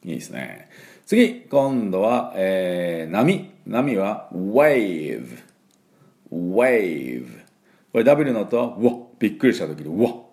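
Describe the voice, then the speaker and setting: A Japanese-speaking man teaching English pronunciation, repeating each sound slowly for learners and filling pauses with "um" and "well". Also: on the low side, very animated, darkish tone. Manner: frequent fillers "えー" and "まあ". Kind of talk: pronunciation lesson.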